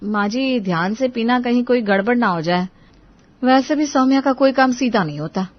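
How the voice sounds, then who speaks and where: A woman voicing a sharp-tongued, jealous young sister-in-law in a cartoon, always taunting. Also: fairly high pitch, moderate pace, lo-fi sound, natural voice. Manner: taunting and accusing. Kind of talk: cartoon voice acting.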